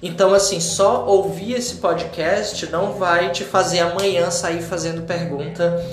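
A man teaching a casual spoken lesson on a podcast, chatty and full of tag questions, slowing right down to model example phrases. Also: high voice, fairly even intonation. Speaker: English teacher. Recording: roomy echo with faint music.

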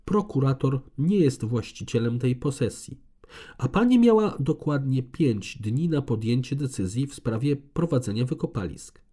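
A man's voice: mid-range voice, expressive, normal speed, warm tone, slightly rough. A man reading an audiobook, voicing a curt, sarcastic male landowner who speaks drily. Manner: dry and curt.

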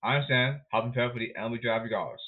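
A man's voice: medium pitch, racing. A man hosting a solo sports podcast rundown, calling out in a repetitive, announcer-like way. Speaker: podcast host. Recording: tinny phone-like sound.

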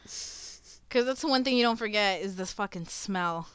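A woman's voice: medium pitch, measured pace, clean tone, no echo. A young woman co-hosting a podcast in casual chat, laughing often and swearing freely as she tells stories. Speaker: podcast co-host.

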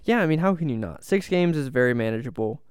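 Upbeat man with a very clear voice. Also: mid-range voice, expressive, quick pace, no echo, studio quality. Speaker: podcast co-host. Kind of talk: casual sports chat.

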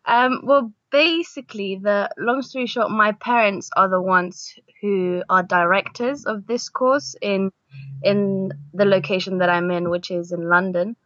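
A woman's voice: medium pitch, a little slow, fairly bright tone, dry recording. Young female missionary guest from Argentina, hesitant and full of fillers, dry muffled recording. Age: young adult. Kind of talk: casual interview.

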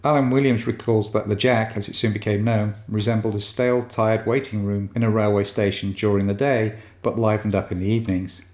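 A man hosting a podcast, reading a scripted history narration in a measured, even way. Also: on the low side, roomy sound. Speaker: podcast host.

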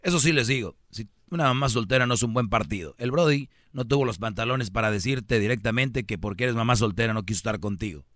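A man's voice: medium pitch, fast talker, few pauses, a bit bright, dry recording, studio quality. A man hosting a radio call-in show, giving blunt, emphatic, opinionated advice.

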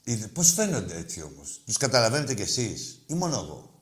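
Male sports radio host, brash and mocking, loud outbursts dropping to muttered asides. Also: mid-range voice, sing-song. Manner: mocking and insulting callers, shouting in bursts. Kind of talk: rowdy call-in radio banter.

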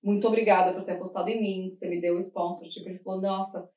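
A Brazilian woman with a Brazilian Portuguese accent chatting casually, telling animated stories, laughing often and acting out what others said. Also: fairly low pitch, rapid-fire, lo-fi sound. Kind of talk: casual chat. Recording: roomy sound from a distant mic.

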